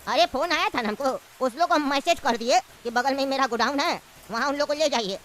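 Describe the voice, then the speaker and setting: Woman putting on a sly gruff uncle. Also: a little fast, a bit bright. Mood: scheming. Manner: coaxing, low gruff put-on voice. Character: sly scheming older village uncle, tea seller. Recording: noisy home recording.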